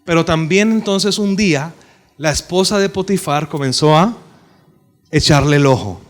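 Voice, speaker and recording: A man's voice: on the high side, normal speed, faint music behind. A man preaching a sermon, telling the story animatedly and joking with the congregation. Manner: animated storytelling, acting out characters, joking with the audience.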